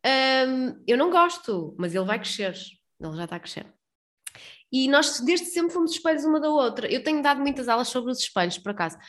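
A woman's voice: sits high, sing-song, brisk. A woman chatting casually in a talkative, slangy, emphatic way. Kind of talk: casual chat.

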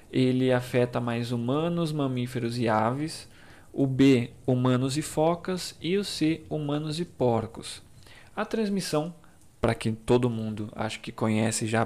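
A young Brazilian man with a Brazilian Portuguese accent hosts his own YouTube channel, speaking in a mid-range, slightly mellow voice. He explains things casually, sprinkling in plenty of fillers and side remarks.

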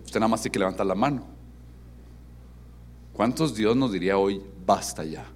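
A man preaching a sermon as pastor, animated and interactive, asking his congregation questions and dropping to soft, emphatic tones. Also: on the low side, normal speed, slight background noise. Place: church service with congregation.

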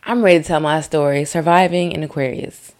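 A woman co-hosting a podcast, chatting casually and hesitantly and backing up her partner with soft agreement. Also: low voice, steady tone, brisk. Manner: laid-back, hesitant speech with soft backchannels. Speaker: podcast co-host. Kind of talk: candid casual podcast chat.

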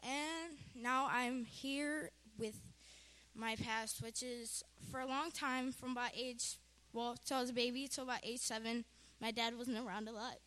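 A woman's voice: fairly high pitch, fairly even intonation, a little slow, a bit bright. A young woman giving a casual, emotional testimony before her baptism, giggling often. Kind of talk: personal testimony.

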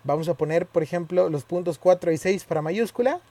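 A man's voice: high-pitched, fairly quick, dark tone. Hesitant man explaining step by step. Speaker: tutorial presenter. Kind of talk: casual spoken tutorial.

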